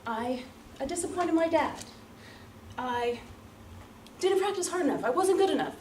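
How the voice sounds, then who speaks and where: Here a high-voiced woman performs theatrical storytelling for an audience, a rehearsed and dramatic speech full of emphatic, very lively intonation, deliberate repeats and pauses. A distant mic captures her in the room, sounding roomy with light noise behind.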